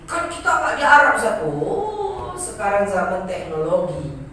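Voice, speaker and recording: A male teacher giving an informal class, his voice bouncing around a very echoey room and heard from far from the mic. His pitch swings up and down a lot as he jokes, laughs and imitates his students' mangled phrases. A faint hum of noise sits underneath. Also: huge pitch swings, unhurried, bright, forceful tone. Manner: jokey, often laughs, mimics students' broken Arabic. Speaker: Arabic language teacher.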